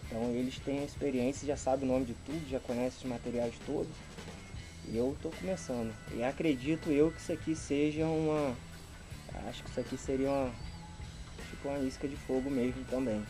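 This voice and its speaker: Talking a little fast in a steady, mid-range voice over music, a Brazilian YouTuber in his thirties unboxes things outdoors in a rural garden. His chat to camera is casual and slangy, full of appreciative exclamations, captured from a couple of meters away.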